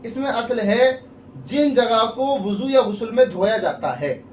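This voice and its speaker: A man with a strikingly high voice, explaining religious rules patiently step by step. He keeps checking that the listener follows and uses worked examples. His voice comes from a distance in an echoey room, with faint background noise. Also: a little mellow. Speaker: Islamic scholar (mufti).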